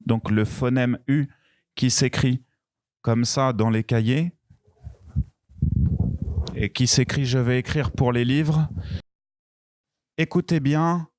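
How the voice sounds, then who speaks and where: A man teaching beginners how to pronounce a vowel. He speaks extremely slowly and deliberately, saying each word twice and drawing out the sounds. His mid-pitched voice is recorded dry and close, with no room echo. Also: fairly even intonation, a little mellow. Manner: very slow, careful, repeating words and drawing out vowels. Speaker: French teacher. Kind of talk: slow beginner pronunciation lesson.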